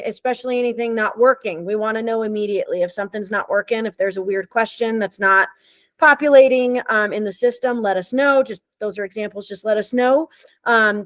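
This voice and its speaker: A woman running an online meeting in a casual, friendly way, pausing often with ums, heard over a video call. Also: medium pitch, no room sound. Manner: friendly, relaxed, with frequent ums. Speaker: meeting facilitator.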